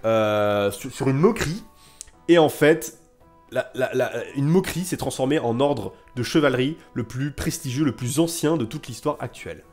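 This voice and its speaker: A man livestreams animated history storytelling to his chat, his medium-pitched voice lively, a bit mellow and at normal speed. He keeps it casual but theatrical, repeating phrases to heighten suspense and emphasis, with faint music in the background.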